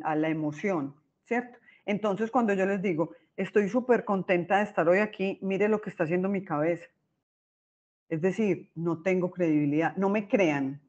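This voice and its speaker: Expressive woman lecturing. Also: medium pitch, lo-fi sound. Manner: expressive, often checks in with listeners by asking "right?". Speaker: speaker giving a talk on emotional intelligence. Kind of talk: informal lecture.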